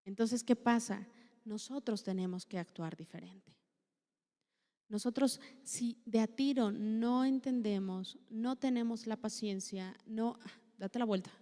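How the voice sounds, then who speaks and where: A woman's voice: a little high, dark tone. A woman with a Mexican accent gives a chatty, conversational sermon at a women's church meeting and asks many rhetorical questions. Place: church hall. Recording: long hall reverb.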